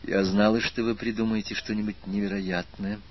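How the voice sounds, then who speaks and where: A man voicing a cheerful young American woman spy with a husky voice in an audiobook reading. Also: fairly low pitch, flat delivery, normal speed, lo-fi sound, close to an everyday voice. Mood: gentle.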